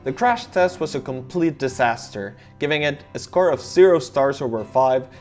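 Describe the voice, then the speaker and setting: This Argentinian car reviewer's voice is fairly high and a little mellow. A native Spanish speaker using English as a second language, he narrates a car safety explainer with enthusiastic emphasis.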